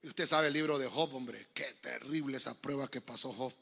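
A middle-aged man with a Honduran Spanish accent, preaching a lively sermon, telling jokes and stories and acting out voices. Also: mid-range voice, moderate pace, gravelly, slightly rough. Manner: joking, storytelling preacher, acts out voices. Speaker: pastor.

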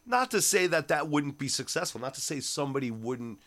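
A man talking as a guest on a podcast, animated, acting out his own quotes and swearing casually. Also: a little high, fairly quick. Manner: animated, quotes himself in voices, swears freely.

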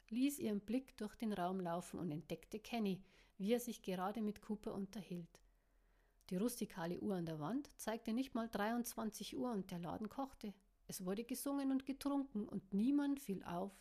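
Brief: woman narrating her novel, plain and unhurried, mid pitch. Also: mellow. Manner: plain narration with small slips. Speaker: author reading her novel. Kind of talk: reading a novel aloud.

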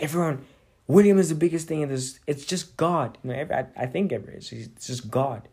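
A young man speaks in a London roadman accent at an ordinary male pitch. He rambles casually, as if thinking aloud for an audience. His talk is thick with urban slang and easy swearing. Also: vocal fry. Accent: London, urban roadman style.

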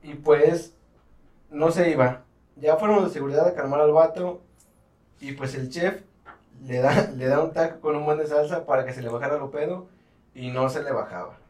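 A man's voice: a little high, normal speed, darkish tone, echoey room, far from the mic. A man co-hosting a podcast, reading listener stories aloud in casual, crude, swearing banter. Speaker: podcast co-host.

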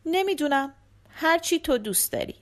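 A woman reading the lines of a gentle, tired father who answers his daughter in short, hesitant replies in an audiobook. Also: high-pitched, very animated, pitched above the performer's own voice. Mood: subdued. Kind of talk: audiobook character voice.

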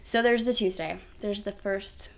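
A woman's voice: medium pitch, measured pace, vocal fry. A woman in her thirties hosting a podcast, chatting casually with her husband and telling their story with frequent laughs. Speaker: podcast host.

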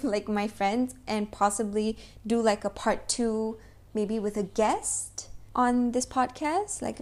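A woman's voice: mid-range voice, a little mellow. A young woman hosting a solo podcast, rambling casually and bluntly with frequent swearing. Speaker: podcast host.

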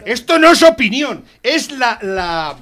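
A man's voice: extremely high pitch, very animated, measured pace, a bit bright. A man from Spain with a Spanish accent, a regular on a radio talk show, arguing hotly, insisting on finishing and repeating his points. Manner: insistent, interrupts, repeats himself. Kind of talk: heated on-air argument.

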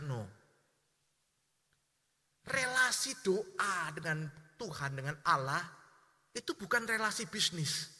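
A middle-aged man preaching a sermon, lively and animated, addressing his congregation and acting out the voices of people he describes. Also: high voice, in a large hall. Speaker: pastor.

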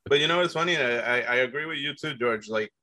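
Man, bright forceful voice, casual rambling chat, lots of fillers. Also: mid-range voice, fast, rough recording. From Guatemalan background. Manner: rambling, many fillers and restarts.

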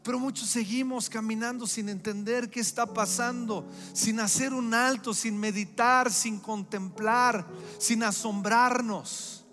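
A man's voice: very high voice, fairly even intonation, measured pace, a bit bright. A middle-aged man preaching a sermon, with an emphatic, repetitive cadence. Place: church hall. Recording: echoey hall with faint music.

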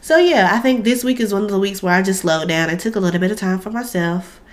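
A woman's voice: medium pitch, quick pace. An American woman co-hosting a podcast in casual, informal chat with a friend, her voice stuffy from a cold. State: congested with a cold. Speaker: podcast co-host.

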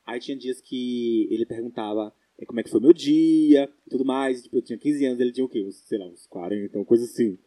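A young man with a Brazilian Portuguese accent co-hosts a podcast, telling stories in casual chat while animated and laughing. He talks fast at medium pitch, with hardly any pauses.

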